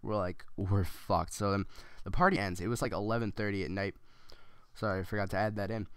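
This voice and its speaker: A man's voice: lowish voice, steady tone, quick pace, smooth, no room sound. A man rambling through a story as casual gameplay commentary, with many ums and restarts.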